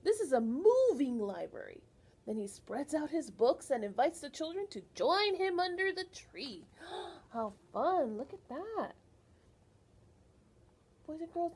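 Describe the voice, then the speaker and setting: A high-voiced woman in the role of a librarian brings a picture book to life for young children, stopping regularly to quiz them in a lively, teacherly manner.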